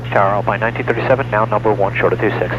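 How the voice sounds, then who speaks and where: A man's voice: fairly low pitch, fairly even intonation, very fast. A man, a pilot over the radio, giving clipped readbacks to a tower. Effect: aviation radio. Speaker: airline or charter pilot calling the tower. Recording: dull aircraft radio, clear engine noise.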